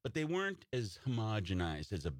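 Animated comedian with a Wisconsin accent. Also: male voice, fairly low pitch, fairly quick, dry recording, studio quality. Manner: animated storyteller, acts out quoted remarks. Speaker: stand-up comedian, interview guest. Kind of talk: casual chat with comic anecdotes.

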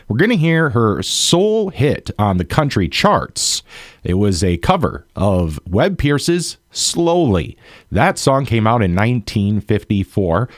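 A man's voice: medium pitch, no echo, clean studio sound. A man presenting country music as a radio host, introducing records.

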